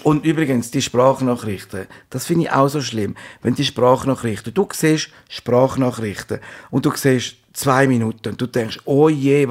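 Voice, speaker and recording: A man with a Swiss German accent and an ordinary mid-range voice. He vents in an exasperated, ranting way, piling up complaints. The delivery is a loose, casual chat. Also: mid-range voice.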